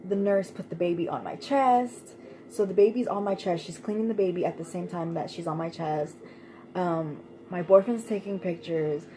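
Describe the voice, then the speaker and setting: A woman's voice: lowish voice, warm tone, rough recording. A young woman vlogger telling a personal story in a casual, chatty way, laughing often and using lots of fillers.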